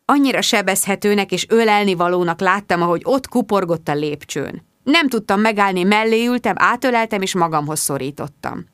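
A woman narrates a first-person audiobook in a confiding, wry storytelling voice. Her pitch moves expressively through the lines. The sound is dry and close, with no room around it. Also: lively intonation, few pauses, clean tone, dry recording.

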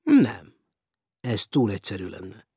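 A man's voice: fairly low pitch, wildly swooping pitch, dark tone, breathy edge, no room sound, clean studio sound, full character voice. A man doing a barking police inspector. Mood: cold. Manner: barking orders. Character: commanding male police chief inspector.

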